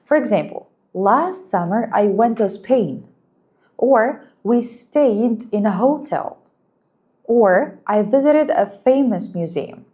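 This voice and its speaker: A woman's voice: a little high, lively intonation, warm tone. Patient woman teaching English. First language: Arabic. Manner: patient, encouraging, slow and clear, explains in Arabic too. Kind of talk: English lesson for learners.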